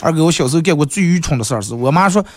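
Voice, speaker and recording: A man hosting a show, telling funny listener stories in a lively way and jumping into high put-on voices for quotes. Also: rapid-fire, soft background music. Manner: animated, jumps into high-pitched voices for quotes. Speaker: host reading listener stories. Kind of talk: comic storytelling.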